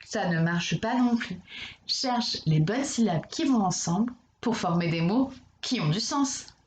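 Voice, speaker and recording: A female primary school teacher guides a young child through exercises in a recorded lesson, enunciating slowly and carefully. Her mid-range voice is animated, and the room is echoey.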